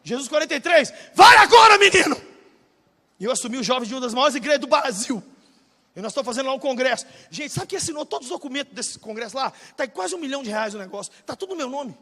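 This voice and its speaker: Brazilian man, 40s, fiery preacher; high, bright, husky voice in a reverberant hall. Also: lively intonation, fast talker. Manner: shouting bursts, then dropping low and confiding. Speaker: pastor. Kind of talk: energetic sermon. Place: large church hall, live audience.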